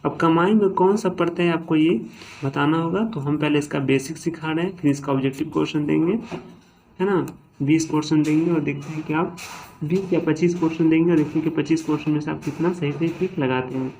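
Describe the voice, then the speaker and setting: Fairly high and a little mellow, this man's voice moves a bit fast with fairly even intonation, over a faint hiss or hum. He teaches grammar classroom-style, breaking words into syllables and repeating "ठीक है" and "है ना" to check on his students.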